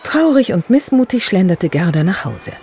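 Brief: woman narrator for a storybook, low, mellow, lots of melodic rise and fall. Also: very animated, moderate pace, a little hiss or hum.

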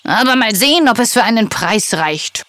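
A woman's voice: fairly high pitch, expressive, normal speed, fairly bright tone, voice pushed up. A woman voicing a friendly male mayor who comforts and encourages, in a children's audio story. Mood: kindly.

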